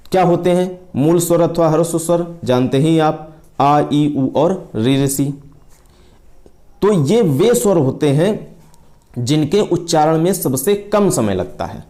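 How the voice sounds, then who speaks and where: Man teaching slowly with a mellow voice. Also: a little high. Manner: explains step by step, repeats key terms, stretches vowels to demonstrate. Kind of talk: exam-prep lesson.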